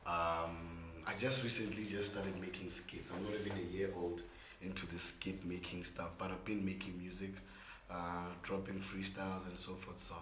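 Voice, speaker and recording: A young man with a South African accent and a hoarse, worn voice, chatting casually in an interview with emphatic, repeated words. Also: deep voice, little pitch movement, normal speed, a bit bright. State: hoarse from gigs the day before. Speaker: interview guest, content creator and musician. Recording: echoey room with faint background noise.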